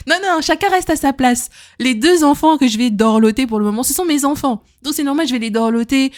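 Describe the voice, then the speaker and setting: Young woman host, chatty and emphatic, slightly high pitch, repeats herself. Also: fairly quick. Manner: emphatic, peppers speech with "hein", repeats words. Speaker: podcast host. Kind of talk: casual advice talk to listeners.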